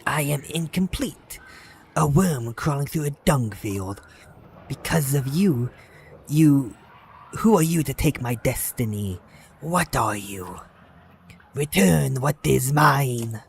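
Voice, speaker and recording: A man voicing an ancient monumental serpent that speaks slowly and menacingly. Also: mid-range voice, animated, vocal fry, slight background noise. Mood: wrathful. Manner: slow, drawn-out, ominous delivery.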